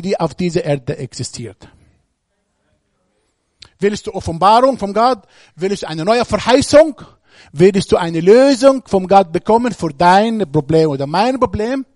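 A man's voice: high voice, expressive, unhurried, a little mellow, no room sound, clean studio sound. A man preaching a sermon, speaking emphatically and putting questions straight to the congregation.

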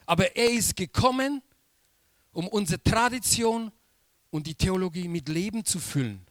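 A man preaching a sermon slowly and emphatically, repeating key phrases for weight. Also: high voice, lively intonation, no room sound.

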